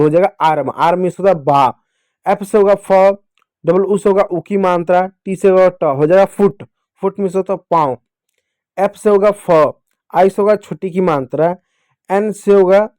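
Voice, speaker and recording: A male teacher with a Hindi accent and a high, mellow voice walks young pupils through a whiteboard lesson. He repeats each sound patiently and keeps asking the class questions. The recording is close and dry, with no room echo.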